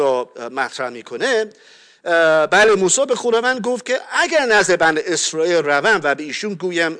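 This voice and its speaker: Earnest male preacher, fairly high voice. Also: fairly bright tone. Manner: earnest, addresses listeners as beloved, reads scripture aloud. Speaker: pastor. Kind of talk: sermon.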